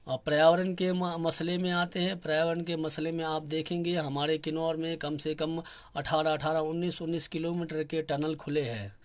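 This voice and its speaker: A young man makes an earnest public appeal in a soft, somewhat quiet voice. He sits a little higher in pitch than most men, and his speech keeps stopping on hesitant fillers as he lays out his complaints. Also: level tone, normal speed. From Kinnaur, Himachal Pradesh, India. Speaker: local activist speaking on a channel.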